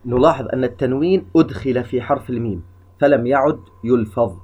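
A man teaching Quran recitation rules step by step, explaining each rule methodically before drawing out the examples slowly. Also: mid-range voice, a little mellow. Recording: dull lo-fi recording.

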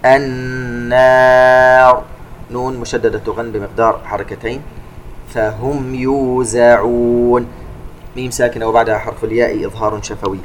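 A man giving a tajweed lesson, calmly explaining recitation rules between slow chanted verses. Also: on the low side, slight background noise. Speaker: Quran recitation teacher.

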